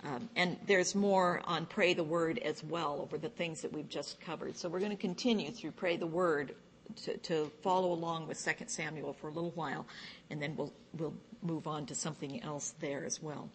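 A woman with a lowish voice teaches a church Bible class. She reads scripture aloud in slow, deliberate phrases and breaks off to put questions to the class. A faint hiss of room noise sits under her voice. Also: fairly even intonation.

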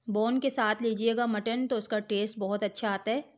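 A woman's voice: on the high side, fairly even intonation, moderate pace. Patient woman narrating a home recipe. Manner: patient, instructive, addresses viewer directly. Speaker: cooking channel host. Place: home kitchen.

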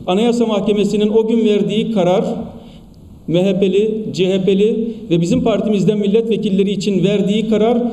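A man's voice: high voice, fairly even intonation, mellow. Man speaking at a podium microphone in a hall. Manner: emphatic, rhetorical, repeated phrases with pauses. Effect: speaking at a podium microphone in a large hall. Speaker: politician addressing a party meeting. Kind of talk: political speech. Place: large meeting hall in parliament. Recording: echoey hall, distant mic.

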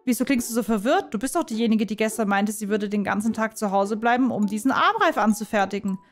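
A woman voicing a cheerful, loud young woman friend in a game, chatty and caring. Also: medium pitch, animated, quick pace, soft background music, natural voice. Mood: cheerful concerned.

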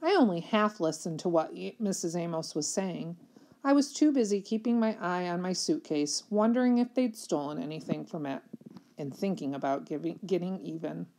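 Reader: woman, lowish voice, steady read-aloud of a children's novel. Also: normal speed.

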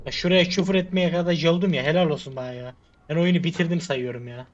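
Frustrated by the game, this man mutters and curses to himself as he plays, sighing and praying under his breath. He speaks quickly, his voice on the high side and steady in tone, and the audio is a bit muffled with a faint hiss.

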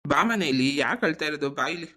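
A man's voice: a little high, lively intonation, fast, bright, forceful tone. A man voicing an affectionate village father home from the city, coaxing and fatherly. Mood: soothing. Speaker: cartoon voice actor. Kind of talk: cartoon voice acting.

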